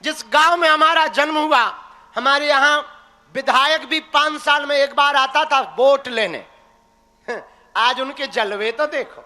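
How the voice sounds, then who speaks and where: A man's voice: very high-pitched, a little slow, sharp tone, big-room sound. A man preaching a devotional sermon to a crowd, teasing and blunt, speaking straight at his listeners. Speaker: spiritual preacher.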